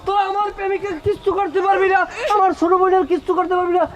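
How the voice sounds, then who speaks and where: A man with a Barishal accent playing a hot-tempered young village film hero, melodramatic and shouting insults. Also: very high-pitched, little pitch movement, very fast, highs cut off. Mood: furious. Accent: Barishal Bengali.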